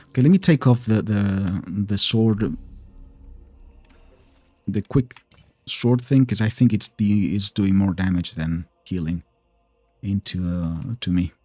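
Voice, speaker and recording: A man's voice: fairly low pitch, mellow, no echo. A man casually commenting on his own gameplay, talking to himself and grumbling at the boss he is fighting. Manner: chatty, mutters to himself, argues with the boss. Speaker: gameplay streamer. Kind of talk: casual let's play commentary.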